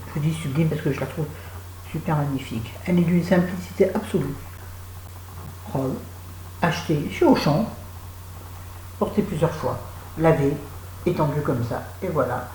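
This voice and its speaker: A woman's voice: deep voice, darkish tone, echoey room, slight background noise, rough recording. A woman chatting casually to camera from her home, rambling and self-mocking with frequent restarts. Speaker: vlogger. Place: room at home.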